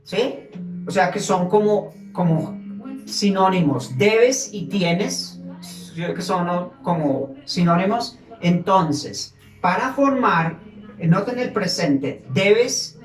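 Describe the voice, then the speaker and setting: A woman teaches a grammar class at an unhurried pace, repeating words so learners can drill them. Her voice sits in the middle range. The room is echoey, with faint music behind her. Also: fairly low pitch, expressive. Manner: explains slowly, switching between English and Spanish, repeating words for drill. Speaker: English teacher. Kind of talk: bilingual grammar lesson.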